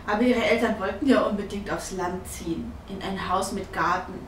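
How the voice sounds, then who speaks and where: A woman reading a storybook aloud for young children, lively and expressive, in an echoey room from a distance. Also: mid-range voice, moderate pace, a little hiss or hum. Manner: lively, expressive, voices the characters. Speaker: children's book reader.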